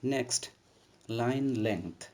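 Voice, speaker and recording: A man's voice: medium pitch, drawn-out words, darkish tone. A man giving a recorded literature lesson on a poem, explaining terms step by step in a methodical way. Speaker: literature lecturer. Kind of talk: recorded poetry lecture.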